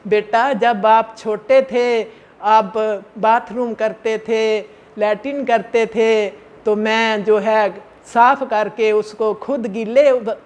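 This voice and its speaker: A gentle elderly mother in a spoken parable, as a man puts her on, calm and forgiving. She speaks slowly in a high, even voice.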